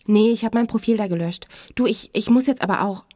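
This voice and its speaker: A woman voicing an evasive ashamed young woman, hesitant, clipped answers, warm low-key tone. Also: fairly quick, no echo, studio quality, lightly acted.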